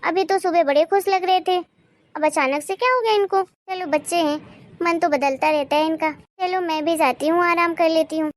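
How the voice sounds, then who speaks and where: Woman voicing gentle cartoon grandmother. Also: extremely high pitch, moderate pace, dry recording, studio quality. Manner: gentle, caring. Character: kindly grandmother, caring and devout. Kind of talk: cartoon voice acting.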